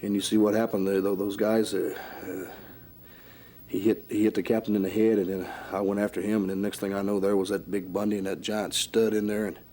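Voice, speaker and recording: Male wrestler guest, low, flat delivery, halting with lots of repeated words. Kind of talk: interview answers.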